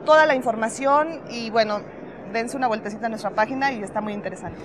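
A woman with a Mexican Spanish accent promotes her channel, briskly listing its shows into a handheld mic. Her voice sits a touch high, and an expo crowd is clearly heard behind her. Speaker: channel representative. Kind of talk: promotional interview.

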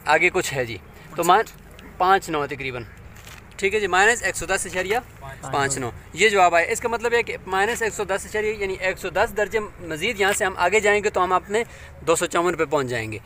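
A man's voice: sits high, animated, normal speed, sharp tone, slight background noise. A man teaching a hands-on demonstration, patient and step by step, often asking his listeners to check along.

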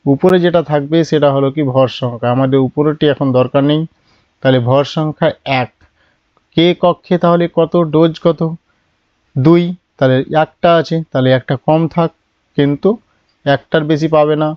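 A man teaching chemistry in a classroom style, patient and step by step, asking questions and then answering them himself in a lower voice. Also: steady tone, moderate pace, clean tone, no echo, lo-fi sound. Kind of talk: classroom lesson.

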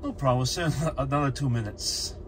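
Here the man's voice is medium in pitch and brisk as he records a casual in-car vlog during a road trip. Thinking aloud with minor fillers, he keeps up easygoing commentary over the sound of the car on the road.

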